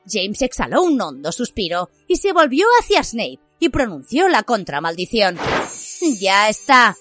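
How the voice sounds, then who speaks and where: Expressive woman reading a storybook. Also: medium pitch, normal speed, no room sound, faint music behind. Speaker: audiobook narrator. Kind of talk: scripted fiction narration.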